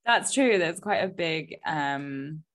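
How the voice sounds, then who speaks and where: A woman hosting a podcast with a voice that sits a little low. She chats casually and pokes fun at herself, scattering ums as she goes. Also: expressive, slow pace, a bit bright. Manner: chatty, self-deprecating, filler-heavy. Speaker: podcast host. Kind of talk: casual chat.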